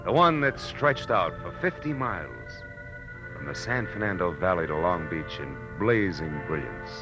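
A deep-voiced man narrates as a world-weary, hard-boiled American private eye in 1940s noir radio-drama style, terse, cynical and tough, in a reflective, tired mood. He talks at normal speed with big pitch swings, on a band-limited old radio recording with music and the highs cut off.

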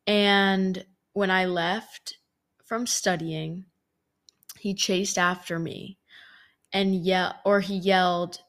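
A young woman in her twenties tells a story on her podcast. Her voice sits a little low, and she talks in a loose, chatty way full of filler words. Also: fairly even intonation, slow pace. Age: 20s. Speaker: podcast host. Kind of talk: casual storytelling monologue.

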